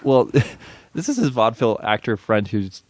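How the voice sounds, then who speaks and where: A man's voice: on the low side, very animated, normal speed, no echo. Hesitant young man chatting casually. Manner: hesitant, many fillers and restarts, laughs easily. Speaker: podcast co-host. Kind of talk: casual chat.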